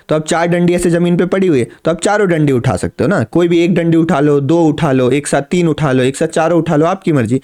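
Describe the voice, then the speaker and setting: A man's voice: a little high, darkish tone. A man teaching beginners, explaining patiently and repeating his points with simple everyday examples. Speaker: trading teacher. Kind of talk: explanatory lesson to camera.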